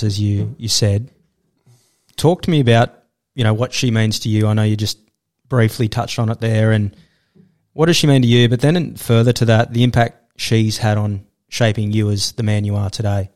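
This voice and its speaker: A man's voice: lowish voice, normal speed, darkish tone. An Australian man hosting a podcast who encourages his guest and asks probing questions in a casual conversation. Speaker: podcast host.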